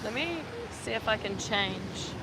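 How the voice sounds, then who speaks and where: Speaking a little slowly in an expressive, medium-pitched voice, a New Zealand woman in her twenties hosts a casual phone livestream as a travel vlogger. She's outdoors on a beach promenade, sweaty and squinting in the sun, answering viewer questions with plenty of "like" fillers, and faint street and traffic noise can be heard.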